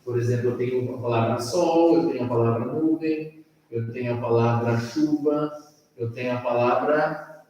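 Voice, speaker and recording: A man's voice: mid-range voice, moderate pace, darkish tone. A man with a Brazilian Portuguese accent gives a one-on-one English lesson. He switches between Portuguese and English, explains patiently and keeps checking that his student follows along. He is recorded from a distance in a very echoey room with a long reverb tail. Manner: explains patiently, checks understanding with frequent tag questions. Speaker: English teacher.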